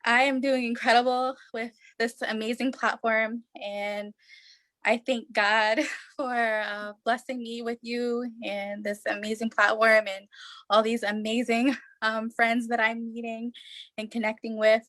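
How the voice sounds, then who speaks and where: A woman's voice: fairly high pitch, flat delivery, measured pace, fairly bright tone, no room sound. A woman speaking gratefully on a video call, gushing about a platform that has helped her. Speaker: webinar participant.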